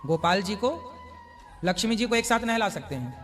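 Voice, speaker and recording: A man, a spiritual teacher, calmly answering devotees' questions and explaining with everyday examples. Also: high voice, moderate pace, long reverb tail, faint music behind. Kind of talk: religious question-and-answer discourse.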